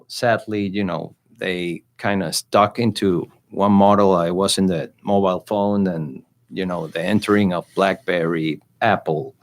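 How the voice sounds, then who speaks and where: Deep-voiced, this middle-aged man from Venezuela speaks with a Venezuelan Spanish accent, Spanish being his native language. As an interview guest, he talks haltingly and leans heavily on fillers.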